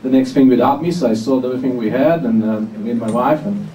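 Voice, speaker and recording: A man's voice: mid-range voice, quick pace, mellow, a little hiss or hum. A man introducing himself on a panel in a wry, hesitant way. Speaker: panelist entrepreneur. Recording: roomy hall mic from far off with audience.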